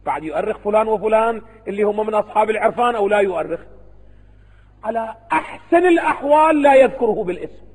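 A man's voice: high voice, expressive, quick pace, a little mellow, big-room sound, poor audio. A man with an Iraqi Arabic accent, a religious scholar giving a seminary lecture to students, who keeps posing rhetorical questions and answering them himself.

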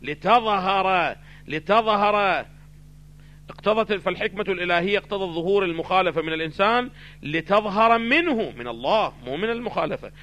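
A man teaching a theology lesson, asking his listeners questions and answering them himself, swinging between loud stressed phrases and quiet asides. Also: sits high, lively intonation, fast. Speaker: religious teacher. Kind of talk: theology lecture mixing classical and colloquial Arabic.

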